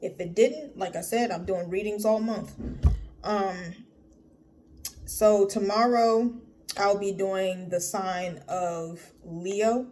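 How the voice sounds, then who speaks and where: A woman in her late thirties giving a casual tarot reading, blunt and profane, her voice climbing high when she makes a point. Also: a little mellow, slight background noise. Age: 30s. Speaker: tarot reader.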